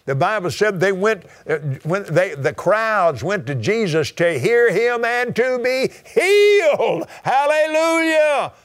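Man preacher, high and animated, fervent sermon delivery. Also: takes it slowly, few pauses. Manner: fervent, repetitive preaching with sudden high exclamations.

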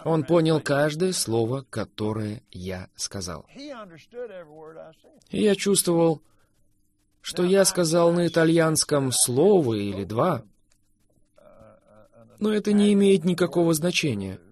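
With a lively pitch and fervent emphasis, a man preaches conversationally, moving back and forth between loud bursts and soft, elongated phrases.

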